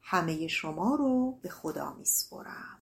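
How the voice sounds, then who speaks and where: A woman narrating an audiobook, reading a folk tale in a gentle, expressive way. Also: low voice, vocal fry. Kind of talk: storytelling narration.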